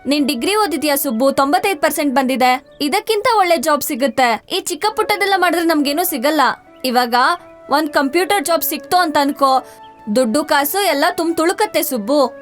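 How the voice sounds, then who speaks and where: Bossy, teasing young wife with a high voice. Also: female voice, animated, fairly quick, soft background music. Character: strong-willed young wife who lectures her husband. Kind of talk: TV drama acting.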